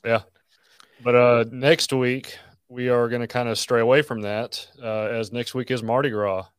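Smooth-voiced man hosting a podcast. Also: mid-range voice, flat delivery, moderate pace, dry recording. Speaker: podcast host. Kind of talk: casual chat.

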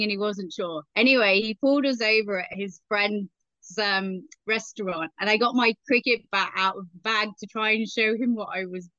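A woman's voice: medium pitch, no echo. Woman, interview guest, chatty storyteller, dry close sound, dull lo-fi line. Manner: chatty, anecdotal, lively storyteller. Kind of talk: casual interview chat.

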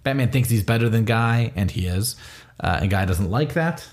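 A man's voice: fairly low pitch, animated, moderate pace. Easygoing man co-hosting a podcast. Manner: easygoing, laughs along. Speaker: podcast co-host. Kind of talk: casual chat recapping a comic book.

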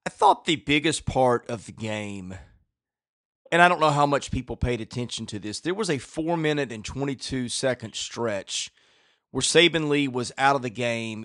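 A man's voice: medium pitch, fairly bright tone, dry recording, clean studio sound. A man hosting a sports podcast, presenting and commenting as the host.

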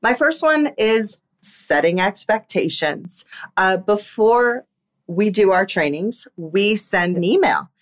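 Bubbly woman, casual podcast co-host, bright and chatty. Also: medium pitch, animated, slow. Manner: bubbly, laughing often. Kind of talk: casual chat.

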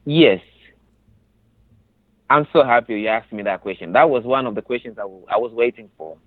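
An interview guest with a Congolese accent, medium-pitched and expressive at a normal pace, gives earnest personal testimony, emphasizing and repeating his phrases. He comes from the DR Congo, was raised in a refugee camp in Tanzania, and has since been resettled. The recording is narrow and phone-like, without echo.

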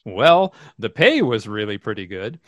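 A man's voice: on the low side, sing-song, unhurried, a bit bright. A man playing a vain, self-absorbed male radio host in a comedic radio sketch, with pompous, overly precise diction. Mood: self-satisfied.

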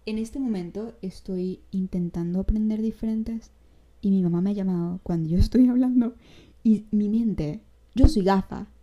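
Young Venezuelan woman, solo podcast host, very mellow dark tone, chatty and direct. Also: medium pitch, muffled recording. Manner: chatty, direct, addresses the listener with advice; uses casual slang. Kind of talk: casual solo podcast monologue.

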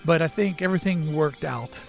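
A man's voice: a little high, fairly quick, vocal fry, a little mellow, faint music behind. A man hosting a show, speaking as a commentator and interviewer. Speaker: show host. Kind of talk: scripted commentary and casual interview chat.

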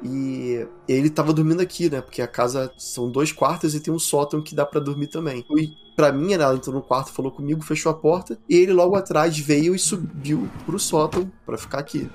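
Brazilian guy hosting a podcast, talks fast, acts out the voices in his story. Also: on the high side, steady tone, a little mellow, a little hiss or hum. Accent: Brazilian Portuguese. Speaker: podcast host. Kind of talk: casual interview chat. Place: attic room at home.

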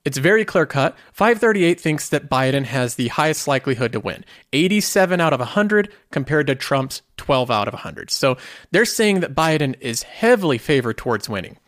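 Male finance host, scripted explainer, rhetorical questions, a touch high-pitched, dead-dry recording. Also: very animated, normal speed, fairly bright tone, no echo. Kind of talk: scripted commentary.

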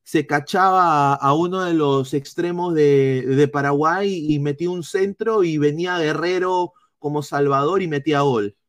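A Peruvian man hosts a live football analysis stream, answering chat comments in a blunt, cursing way. His voice sits a little high for a man, and he stops and restarts often. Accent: Peruvian Spanish. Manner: blunt, swearing, halting restarts.

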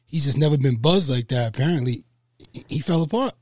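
A man co-hosting a podcast, telling boxing stories in an animated, slangy way. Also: mid-range voice, a little fast, no echo, clean studio sound. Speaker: podcast co-host. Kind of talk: casual boxing chat.

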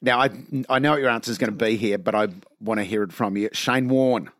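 An Australian man hosting a casual podcast chat, relaxed and conversational. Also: lowish voice, brisk, no room sound. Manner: easygoing, conversational prompter. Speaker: podcast host. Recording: dry studio sound.

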